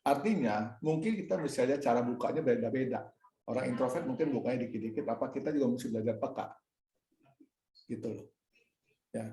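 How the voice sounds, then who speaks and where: Animated storytelling man, echoey sound. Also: mid-range voice, brisk, pauses often. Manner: storytelling, acts out his own dialogue; addresses listeners as "Saudara". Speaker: speaker at a church fellowship meeting. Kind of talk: casual sermon-like talk answering questions.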